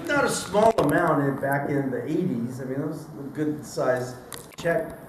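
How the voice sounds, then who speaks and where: A man's voice: fairly high pitch, lively intonation, measured pace, slight background noise. A middle-aged man from San Diego, an editorial cartoonist, telling digressive anecdotes at a convention and chuckling at his own stories. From San Diego, California. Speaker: editorial cartoonist giving a talk. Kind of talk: rambling anecdotal talk. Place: convention hall. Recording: roomy hall, distant mic, faint ambience.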